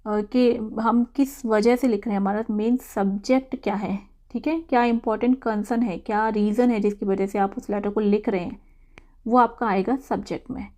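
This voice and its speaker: A woman, an English teacher going through exam quiz answers, who reads each English question slowly and then explains it in Hindi. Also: fairly high pitch, mellow.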